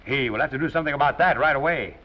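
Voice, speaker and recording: An actor playing a wry, fatherly male studio head who gives measured advice, in a 1930s film. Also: mid-range voice, natural voice. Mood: musing. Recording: dull 1930s film soundtrack.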